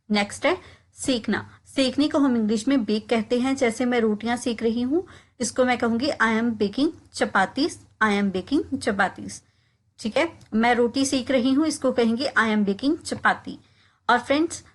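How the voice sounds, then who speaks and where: A woman teaching kitchen vocabulary in a lesson, calling her viewers friends and repeating each example phrase slowly. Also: on the high side, low-quality recording. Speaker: language teacher.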